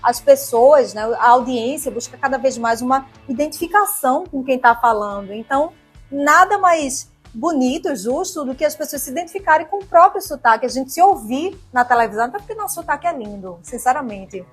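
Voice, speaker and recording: Woman in her 40s, Pernambuco accent, chatty TV presenter as a guest, slightly high husky voice. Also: fairly quick, soft background music. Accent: Pernambuco Portuguese. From Pernambuco, Brazil. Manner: warm, expressive, chatty with frequent tag questions. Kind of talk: interview answers.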